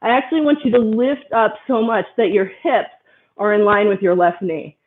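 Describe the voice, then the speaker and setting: A woman leading a yoga class, giving a steady stream of short, encouraging cues about posture and breath. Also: medium pitch, normal speed. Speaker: yoga instructor. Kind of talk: guided yoga class instruction. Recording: tinny phone-like sound.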